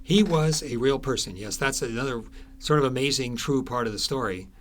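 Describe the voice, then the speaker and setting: Slight background noise sits under a man's medium-pitched voice as he is interviewed as an author. His storytelling is conversational, delivered in halting, explanatory phrases with thoughtful pauses.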